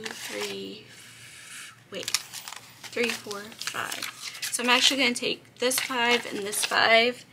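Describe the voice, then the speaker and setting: A woman's voice: on the high side, gravelly, noisy background. A young woman with a slightly cracking voice chats casually as she counts cash aloud for a budgeting vlog. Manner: chatty, counts bills aloud, light laughs. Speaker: budgeting vlogger.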